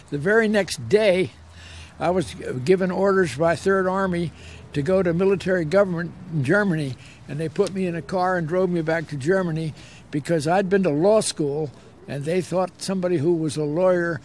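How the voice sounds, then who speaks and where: In this interview, a man aged 80 or more, an American veteran of an old war, looks back on his service, taking his time and repeating words to stress them. His pitch is high, his pace fairly quick, and his tone somewhat dark, with a little hiss or hum on the recording.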